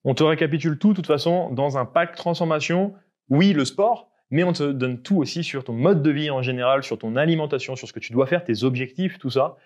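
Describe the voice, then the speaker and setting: A young man fitness coach explaining tips to the viewer in a casual way, often checking in with a quick "ok?". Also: a little high, a little mellow, highs cut off.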